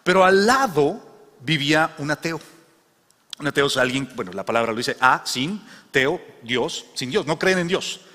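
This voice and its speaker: Bright-voiced man preaching in a reverberant hall. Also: fairly high pitch, expressive, a little slow. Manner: storytelling, repeats phrases. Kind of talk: sermon.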